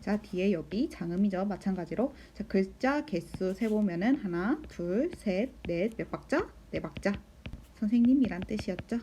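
A woman with a warm, mellow voice explains a lesson to her students. She speaks patiently, asks the class questions and then answers them herself, and slows down to count beats aloud. A faint hiss sits under her voice. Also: mid-range voice, lively intonation. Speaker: Japanese teacher. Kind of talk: recorded school lesson explanation.

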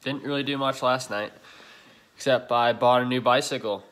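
A man's voice: medium pitch, steady tone, normal speed, fairly bright tone. A young man casually narrating his weekend vlog, talking in a laid-back, rambling way into a phone held at arm's length. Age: young adult. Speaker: vlogger. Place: outdoors and at home, handheld. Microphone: phone camera at arm's length.

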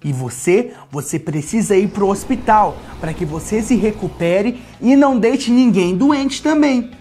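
A children's video host in his young adult years, Brazilian-accented, plays a toy doctor and presents a playful story using simple phrases aimed at children. His voice sits high and is expressive, at a measured pace. The setting is a small furnished indoor playroom studio, backed by music.

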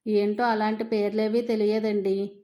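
A woman's voice: medium pitch, little pitch movement, moderate pace, mellow, natural voice. Naive young wife, read by a woman. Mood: innocent. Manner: naive, sweetly polite. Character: innocent, playful young wife.

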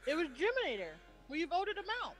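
A gamer's voice squeezed through a chipmunk filter comes out tiny, squeaky and wildly high. The pitch jumps all over the place as he makes short, matter-of-fact remarks in voice chat. It sounds like a cartoon rodent talking about the game. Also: big pitch swings, a little fast, fairly bright tone, faint music behind. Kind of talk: casual game chat during a meeting.

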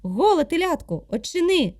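A noisy, pushy male drake from a folk tale, loud and demanding in a high, bouncing voice, put on by a woman reader. His pitch leaps around with every word. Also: expressive, a little fast, natural voice.

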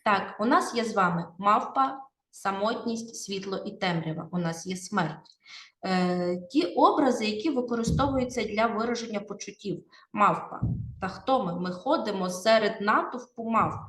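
A woman's voice: mid-range voice, moderate pace, fairly bright tone. A woman literature teacher with a Ukrainian accent, explaining a poem to her pupils and often checking that they follow along. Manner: explanatory, addressing pupils with frequent "так?" checks. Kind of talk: classroom poetry analysis lesson. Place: classroom. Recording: echoey classroom, from far off.

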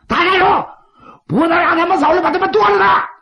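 A man, as a dramatic storyteller, voicing a bloodthirsty bandit mob in strained, gravelly cries. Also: very high voice, quick pace, sharp tone, voice pushed up, heavily acted. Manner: clamouring, dramatic storyteller's character voice. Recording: slightly dull, lo-fi audio.

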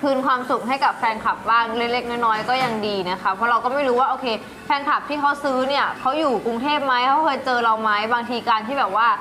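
A woman's voice: on the high side, fairly even intonation, fast talker, few pauses, bright, forceful tone. A young woman in casual live-stream sales chat, speaking in a playful, informal, spontaneous way. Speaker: guest celebrity co-seller. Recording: clearly noisy live-stream room.

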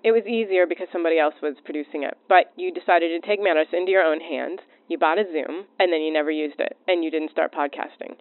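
A woman's voice: deep voice, fast talker, few pauses, no echo. A woman asking long, blunt, teasing questions. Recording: tinny phone-like recording.

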